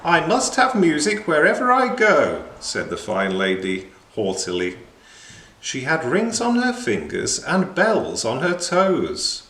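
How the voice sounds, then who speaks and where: Man reading a children's story slowly. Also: on the low side. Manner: slow, very expressive. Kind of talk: children's picture book reading. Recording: echoey room with faint noise.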